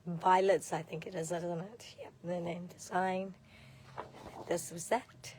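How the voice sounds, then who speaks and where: A woman hosts a casual live craft demonstration in a hoarse, partly lost voice. It sits a little low and keeps slipping into whispers. She talks informally and hesitantly, thinking out loud as she goes. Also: fairly even intonation, slow, a little hiss or hum. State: hoarse from losing her voice, breaking into whispers. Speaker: craft demonstrator hosting a livestream.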